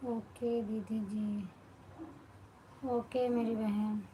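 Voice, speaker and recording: A woman hosting a live stream at home at night, chatting softly with viewers by name and offering devotional greetings. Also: on the high side, little pitch movement, extremely slow, a little hiss or hum, low-quality recording. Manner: quiet, keeps her voice down while others sleep. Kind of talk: casual live chat.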